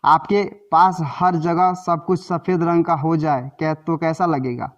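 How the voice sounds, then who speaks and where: A man's voice: fairly high pitch, steady tone, unhurried. A man narrating a self-help book summary in an explanatory way, sometimes correcting himself mid-sentence.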